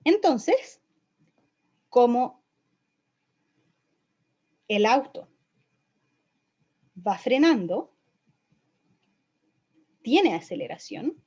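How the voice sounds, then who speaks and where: A young woman lectures on physics with a slightly high voice, explaining each step patiently and checking in with "¿sí?" every few lines. Her recording sounds dull and a bit lo-fi, like a home lesson video. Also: very animated, very slow, pauses often, darkish tone, slightly rough. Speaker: physics teacher.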